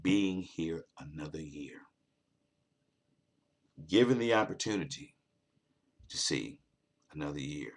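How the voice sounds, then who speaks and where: A man's voice: rumbling low, lively intonation, takes it slowly, long pauses. A man hosting a late-night talk show, delivering an earnest motivational monologue that repeats its key points for emphasis.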